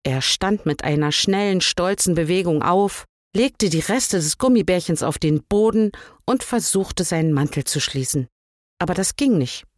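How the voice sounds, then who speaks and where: A woman's voice: on the low side, animated, moderate pace, dry recording, studio quality. Older woman reading a story aloud. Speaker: reader.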